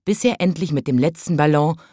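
Woman, audiobook narrator, gentle storytelling, lowish voice, dry studio sound. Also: a little fast, no room sound. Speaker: audiobook reader. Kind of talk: scripted narration of a children's story. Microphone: studio voice-over.

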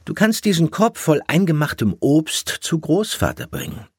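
A man's voice: a little high, huge pitch swings, moderate pace, slightly rough, no room sound, studio quality, voice pushed up, exaggerated voice. A man voicing a busy mother hedgehog in a storybook reading. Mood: bustling.

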